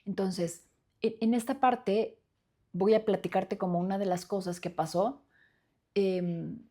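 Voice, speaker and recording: Woman podcasting alone into a mic, warm dark voice, thinking out loud with lots of fillers. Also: mid-range voice, fairly even intonation, slow pace. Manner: earnest, reflective, with many fillers and restarts. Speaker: podcast host. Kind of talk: solo podcast talk. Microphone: studio microphone.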